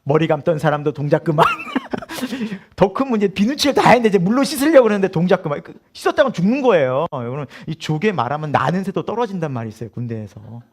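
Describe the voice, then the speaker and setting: A middle-aged male pastor preaching a sermon, telling a story with laughter and acting out shouted quotes. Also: high-pitched, huge pitch swings, fast, hardly any pauses, breathy edge.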